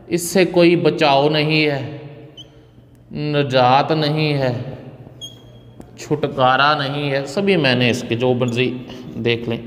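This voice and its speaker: A man's voice: fairly high pitch, a bit bright. Man lecturing in an echoey hall. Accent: Pakistani Urdu. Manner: addresses students as "beta", repeats and glosses words; recites verses in a chanting lilt. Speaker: college Urdu teacher. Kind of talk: classroom lecture explaining poetry. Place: classroom. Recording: echoey classroom with long reverb.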